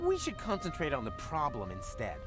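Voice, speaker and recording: An actor playing a brash, scheming, self-assured adventurer in a video game, with a sarcastic, exaggerated manner. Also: male voice, on the high side, huge pitch swings, moderate pace, music in the background. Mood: cocky. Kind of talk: video game character dialogue.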